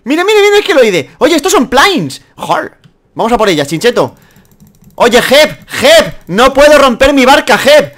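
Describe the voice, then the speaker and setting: A man's voice: extremely high pitch, moderate pace. A man from Spain hosting a casual game video, joking and bantering with a friend. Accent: Spanish (Spain). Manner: animated, loud laughing, joking. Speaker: gamer host. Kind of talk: casual let's play banter.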